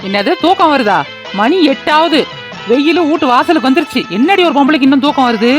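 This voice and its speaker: A woman voicing a sharp-tongued, quarrelsome older village mother in a cartoon, scolding loudly. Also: high voice, animated, fast, music in the background. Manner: scolding, loud and bossy. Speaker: voice actor. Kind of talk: cartoon voice acting.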